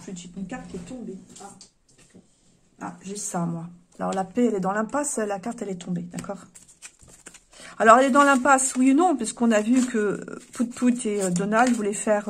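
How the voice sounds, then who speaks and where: A woman's voice: mid-range voice, slight background noise. A woman giving a chatty, opinionated tarot reading to her viewers, thinking aloud as she goes. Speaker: tarot reader.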